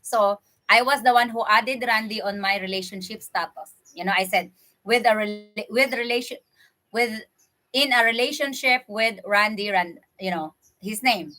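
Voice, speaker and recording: A woman's voice: mid-range voice, moderate pace, pushed and bright. A woman with a Filipino accent, chatting with viewers during a casual livestream as she eats, laughing often. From Philippines. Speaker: livestream host. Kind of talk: casual livestream chat while eating. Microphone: computer webcam mic.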